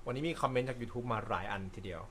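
A man with a bright, forward voice hosts a casual live stream, answering viewer comments from his desk indoors. He sounds relaxed and chatty, laughing easily and apologizing in passing. A faint hiss sits under the voice. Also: medium pitch, very fast. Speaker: host.

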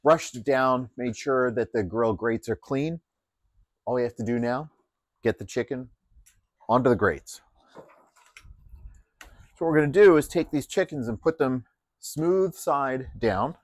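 A man calmly explaining how he marinates and grills chicken, step by step with plenty of fillers. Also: medium pitch, unhurried, long pauses, no echo. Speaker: home cook. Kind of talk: casual cooking demonstration. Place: outdoors at a grill.

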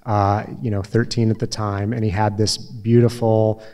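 A middle-aged man from Des Moines speaks to an audience in a reverberant hall. His voice sits on the low side, and he talks slowly, with frequent "uh" pauses and a soft, earnest tone. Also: little pitch movement. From Des Moines, Iowa. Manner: slow, measured, many uh fillers, soft and emotional. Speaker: event moderator. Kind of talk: public talk to an audience.

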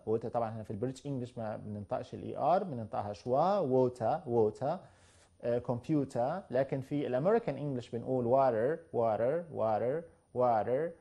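Gravelly Egyptian man teaching English. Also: mid-range voice, warm tone. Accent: Egyptian Arabic. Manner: slow drawn-out English examples, quick Arabic asides. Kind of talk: explaining English lesson to beginners.

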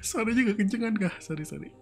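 Joking young guy streaming a game from home, slightly high voice, screams n laughs a lot. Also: creaky, pushed and bright. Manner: playful, joking, self-mocking, bursts of screams and laughter. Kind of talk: casual game commentary.

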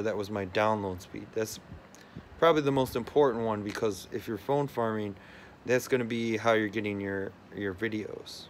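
A man's voice: on the low side, a little hiss or hum. A man casually talking through his tech setup while filming from behind the camera, loose and full of fillers. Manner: loose, filler-heavy explaining. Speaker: tech vlogger. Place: cluttered room full of phones and routers.

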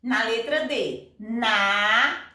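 A woman's voice: a little high, extremely slow, sharp tone. A woman teacher, patiently going over a lesson and often asking the class whether they follow. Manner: patient, checks understanding with repeated questions. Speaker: Portuguese teacher. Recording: echoey room from a distance.

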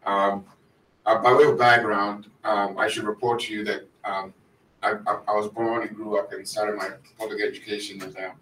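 A Ghanaian man applying for a board position gives public comment in a school board meeting room. His low, flat voice is measured and full of fillers, captured from a distance in a noisy, echoey room.

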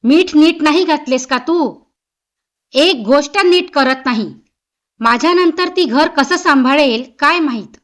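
A woman storyteller voicing a stern, sharp-tongued older mother-in-law who scolds and commands. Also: high-pitched, a little slow. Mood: scolding.

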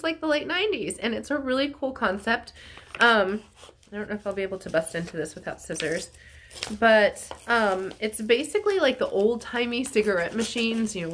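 A woman in her forties, an artist vlogger from North Carolina, USA, chats casually to her phone camera, held at arm's length in a small room at home, with plenty of ums and likes. Her mid-range voice has a fairly bright tone but sounds congested and a little nasal. There's slight background noise.

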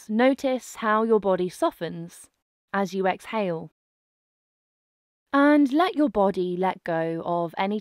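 A woman narrating a guided breathing meditation in a gentle, calming manner. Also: medium pitch, clean tone, dry recording, studio quality. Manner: slow, gentle, calming delivery with soft phrasing.

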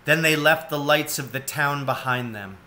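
This forties-aged storybook reader narrates a children's tale while sitting in a cluttered indoor room at home. His voice is on the high side, sharp in tone, at a moderate pace.

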